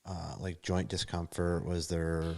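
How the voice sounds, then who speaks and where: A man's voice: deep voice, little pitch movement, measured pace, gravelly, darkish tone. A man hosting a podcast, chatting casually and asking eager follow-up questions. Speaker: podcast host. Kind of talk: casual interview chat.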